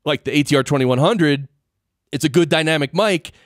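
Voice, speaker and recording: A man hosting a podcast, chatting casually and explaining technical points in a halting, repeating way. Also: on the high side, no echo, clean studio sound. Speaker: podcast host. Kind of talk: casual technical interview chat. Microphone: dynamic studio mic an inch from mouth.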